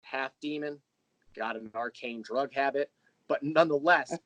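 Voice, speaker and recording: In a dry, dull-sounding recording, an audio drama creator and writer talks as an interview guest, his voice medium-pitched, a bit bright, and unhurried. He describes his creative work casually, musing and meandering like a storyteller.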